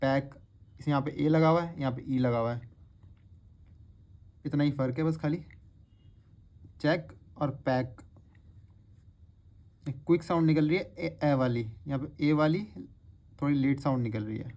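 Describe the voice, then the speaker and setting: A man teaching shorthand step by step, slowly drawing out words to show their sounds. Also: a little high, darkish tone. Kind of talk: step-by-step lesson.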